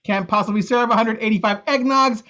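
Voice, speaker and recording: A man's voice: high voice, brisk, pushed and bright, highs cut off. A man performing in a live improv game, telling bar jokes with hesitant setups and fillers.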